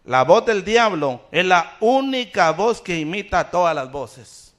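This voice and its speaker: With a voice that sits high and sounds a bit bright, a male pastor preaches at a measured, sing-song pace in church. Rising in intensity, he keeps putting rhetorical questions to the congregation and stacking repeated phrases.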